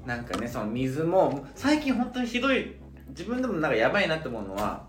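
A man's voice: on the high side, huge pitch swings, brisk, roomy sound. A man co-hosting a casual drinking podcast, chatting and laughing with friends. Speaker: podcast co-host. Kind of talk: casual chat while drinking.

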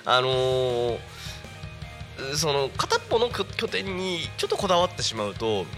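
Bright, lively-voiced man on local radio. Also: mid-range voice, measured pace, faint music behind. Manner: chatty, laughs often, rambling asides. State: stuffy nose and throat. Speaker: radio personality. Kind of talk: casual live radio talk.

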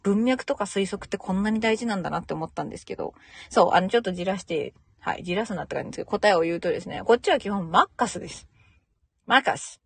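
A woman's voice: medium pitch, animated, racing, vocal fry, husky, no echo. A young woman, chatting casually on her own podcast, laughing and imitating local greetings. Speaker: podcast host. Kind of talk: casual solo chat.

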